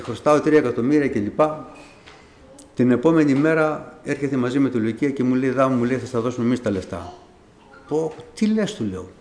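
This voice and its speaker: A man's voice: medium pitch, a little mellow. A middle-aged man telling his personal faith testimony to a congregation in a conversational, storytelling way, acting out the dialogue he recalls. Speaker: church member giving testimony. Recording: echoey room.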